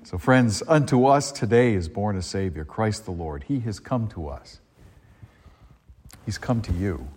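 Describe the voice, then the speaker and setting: A man's voice: lowish voice, expressive, measured pace, darkish tone, a little hiss or hum. A priest reading the gospel and giving a chatty Christmas homily, often repeating and restarting his phrases, his voice ringing in long church reverb. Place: large church.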